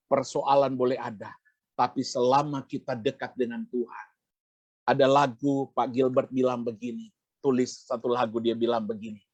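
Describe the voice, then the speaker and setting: A man's voice: medium pitch, no echo. A male pastor preaching, telling a personal story and addressing the congregation directly, acting out the voices of the people in it. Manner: addresses congregation repeatedly, acts out quoted voices.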